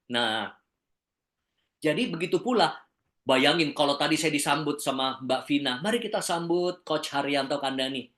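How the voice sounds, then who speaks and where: Indonesian male communication coach, lively. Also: a little high. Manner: lively, demonstrates intonation with flat and exaggerated examples. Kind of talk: webinar lecture. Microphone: video call.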